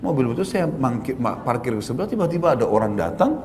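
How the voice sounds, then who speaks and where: A man's voice: mid-range voice, quick pace, slight background noise. A man giving a religious lecture, speaking straight to his listeners and rising sharply on his key points. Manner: addresses listeners directly, often tags "gitu kan"; lively, exclaims and rises sharply on key points. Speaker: Islamic preacher. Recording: long hall reverb, faint background ambience.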